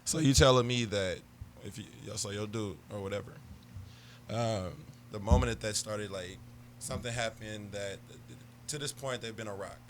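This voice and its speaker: A man with a fairly low voice hosts a casual podcast chat, worked up and repeating himself as his points build. His voice is wearing hoarse. There is a faint hiss of noise behind him. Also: moderate pace. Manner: animated, restarts, hypes up his points. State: losing his voice. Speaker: podcast host.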